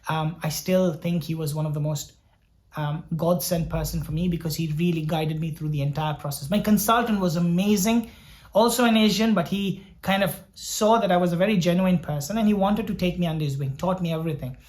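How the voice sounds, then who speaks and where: A man's voice: high-pitched, a little fast, a little mellow. Earnest man from Sri Lanka telling his story. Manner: reflective, earnest, repeats words while thinking. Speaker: doctor vlogger. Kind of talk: personal storytelling vlog.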